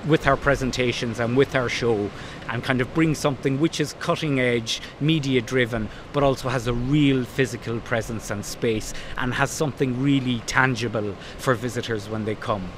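In this interview, the founder of a maritime heritage company talks through his work and future plans at a normal speed and medium pitch. He comes from Blacksod Bay, County Mayo, and has a west of Ireland accent; faint outdoor sounds can be heard behind him.

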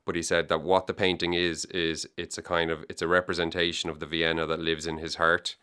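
A low, resonant Irish male voice in relaxed conversation. He talks in loose, winding sentences full of restarts and repeated words. The sound is smooth and full. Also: a little fast. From Ireland. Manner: rambling, repeats words, many fillers. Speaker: debut novelist guest. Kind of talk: casual interview chat.

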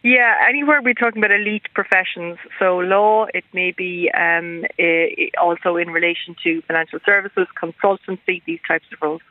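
Irish woman lecturer being interviewed over the phone, measured n formal, thin narrow line, no room sound. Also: on the low side, steady tone, no echo. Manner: measured, academic phrasing. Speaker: guest expert, university lecturer. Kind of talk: radio interview, explanatory and formal. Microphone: telephone.

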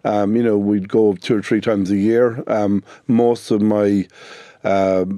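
A man's voice: on the low side, little pitch movement, a little slow, dark tone, no echo, studio quality. A middle-aged man with a west of Ireland accent, telling his own story conversationally as a business owner in a radio interview. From Sligo, west of Ireland.

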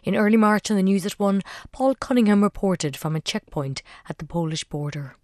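A woman presenting a radio news review in scripted narration, measured and wry. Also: medium pitch, darkish tone, dry recording, clean studio sound.

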